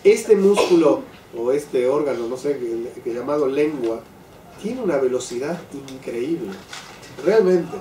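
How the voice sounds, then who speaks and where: An older man leading a Torah class for a live group, often checking in with "¿sí?" and slowing down to stress key phrases. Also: mid-range voice, lively intonation, warm tone. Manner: keeps asking "¿sí?" to his listeners. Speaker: Torah teacher. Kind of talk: religious class lecture. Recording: echoey room, voice from a distant mic, faint background noise.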